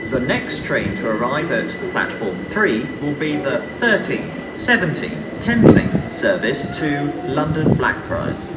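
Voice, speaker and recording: A man making train station announcements over loudspeakers, listing stops in a measured, sing-song way. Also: medium pitch. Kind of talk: automated platform announcements. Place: large railway station concourse. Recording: echoey station hall from far off, loud train noise. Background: trains and station bustle.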